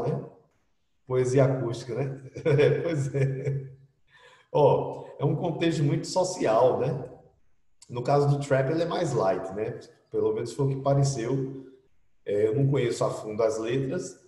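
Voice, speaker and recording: A middle-aged man with a Brazilian Portuguese accent and a medium-pitched, dark voice teaches an English class online, explaining things chattily and using plenty of tag questions. He's picked up by a computer mic from a distance, giving the recording a roomy echo.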